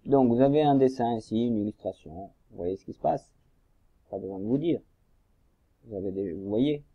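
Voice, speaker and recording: A man's voice: lowish voice, moderate pace, slightly rough, no echo, narrow, tinny audio. A man teaching young children a reading lesson, patiently guiding them through workbook exercises and spelling out syllables. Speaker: primary school teacher.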